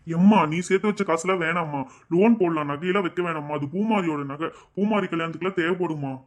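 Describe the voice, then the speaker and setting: A man's voice: a little high, quick pace, natural voice. A man voicing a responsible young son in a cartoon family drama. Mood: soothing. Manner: soothing, earnest. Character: young working son, mid-twenties, responsible and kind.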